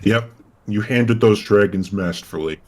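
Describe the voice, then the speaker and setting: A man's voice: on the low side, normal speed. A man chatting in character as a player in a tabletop game.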